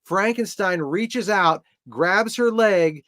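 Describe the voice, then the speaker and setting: Podcast cohost guy, wry little jokes, kinda high voice, dry sound. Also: slow, a bit bright, no room sound. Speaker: podcast co-host. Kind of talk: casual podcast chat.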